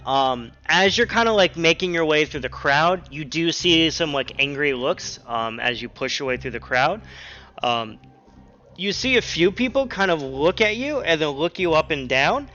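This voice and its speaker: Guy dm-ing a tabletop game over a call, ums and likes everywhere, bright voice, dull lo-fi mic. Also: on the high side, expressive, normal speed, faint music behind. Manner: casual, full of ums and likes. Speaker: game master. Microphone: online call mic.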